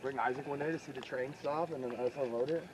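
A man's voice: mid-range voice, fast talker. A man chatting casually while exploring old railroad tracks outdoors at night, musing aloud with curiosity. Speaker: urban explorer. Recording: loud outdoor noise, camera mic.

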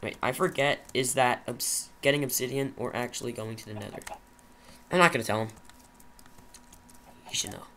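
A man's voice: medium pitch, normal speed, pauses often, fairly bright tone, slight background noise. A nervous young man rambling to himself while commentating a survival game he is playing. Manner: jittery, rambling, talks to himself. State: nervous, shaky. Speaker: gaming channel host. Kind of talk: Minecraft commentary.

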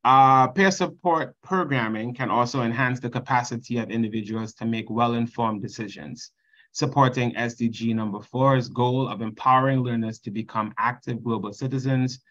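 A man's voice: medium pitch, a bit bright, highs cut off. Trinidadian man presenting on a video call. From Trinidad and Tobago. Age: 30s. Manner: earnest, reads slide text then explains. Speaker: conference presenter.

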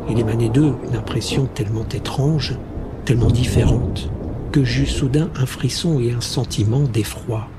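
A man narrating a first-person science fiction audiobook in a measured, steady reading. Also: medium pitch, very noisy.

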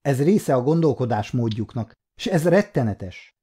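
A man playing an alien chief supervisor, grave and troubled, who speaks in a measured, formal way. His tone is dark and mellow. It is a storybook reading. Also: medium pitch, expressive, husky.

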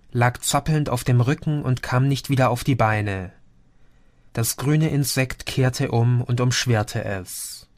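A man reading a science fiction audiobook as narrator, in a calm, measured storytelling manner. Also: medium pitch, no room sound. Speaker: audiobook reader. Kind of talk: scripted narration.

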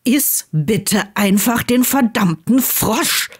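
A woman voicing an earnest, troubled young male wizard who speaks quietly and insistently, close to her own voice. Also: fairly high pitch, lively intonation, slow, husky, full character voice. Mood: stern.

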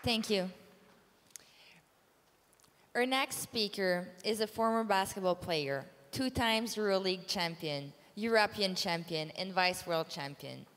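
A woman's voice: medium pitch, a little slow, fairly bright tone. Woman moderator introducing a speaker. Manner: formal, reading a speaker's credentials. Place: large conference hall. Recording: long hall reverb.

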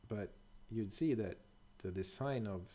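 A middle-aged man with a fairly low voice talks through a topic in a relaxed, explanatory way. His tone is mellow and unhurried, and he pauses to rethink or correct himself as he goes. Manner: thoughtful, hesitant, with fillers and self-corrections. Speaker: bushcraft presenter. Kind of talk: casual explanatory voice-over over slides.

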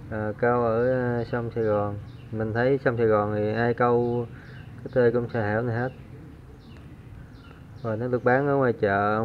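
A man talks through a fishing tutorial in a relaxed way, counting aloud as he works, his voice staying flat and even. The sound is dull and lo-fi, picked up on a camera mic worn on his body while he works at a table. Roosters and birds crow faintly in the background. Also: mid-range voice, a little hiss or hum. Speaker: fishing channel host. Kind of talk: casual hands-on tutorial.

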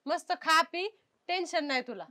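A woman in a comedy sketch, calming her friends and taking charge of the group. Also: very high voice, moderate pace. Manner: soothing, takes charge of the group.

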